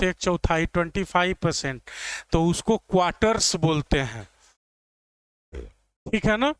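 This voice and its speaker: A man's voice: high voice, fairly bright tone, no echo. A man explaining English grammar in a classroom lecture, checking understanding step by step. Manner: explains step by step, asks students "clear?". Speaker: English teacher.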